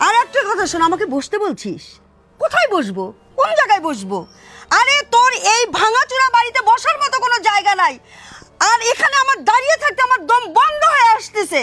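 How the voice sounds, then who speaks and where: A woman's voice: very high-pitched, sing-song, quick pace, sharp tone, soft background music, heavily acted. A woman playing a proud, furious mother who insults and scolds her daughter in a domineering way.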